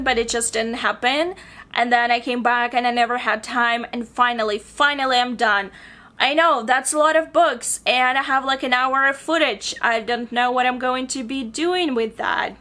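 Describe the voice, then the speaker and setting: A young woman with a high, bright voice talks through her recent reads in a casual vlog. She is chatty and enthusiastic, and she grew up in Bulgaria. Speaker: book reviewer. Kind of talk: casual book review vlog.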